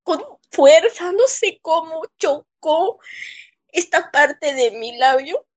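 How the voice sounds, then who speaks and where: High-voiced woman giving shaken, slow testimony. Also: lively intonation. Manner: halting, shaken, pausing often. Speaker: interviewee. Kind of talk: emotional personal testimony.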